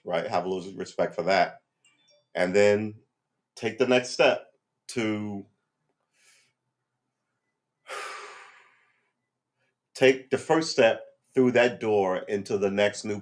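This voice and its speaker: Speaking through his livestream rig, a fifty-something vlogger with a fairly low voice rambles thoughtfully, often starting over and peppering lines with "you know" and "right?". Excitement sends his pitch leaping sharply upward.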